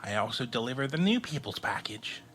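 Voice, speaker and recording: A man playing a courteous, gentle young bellhop in an audio drama, explaining things a little haltingly. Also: mid-range voice, sing-song, breathy edge, faint music behind. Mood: polite, helpful. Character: polite, gentle young male bellhop of a cosmic hotel.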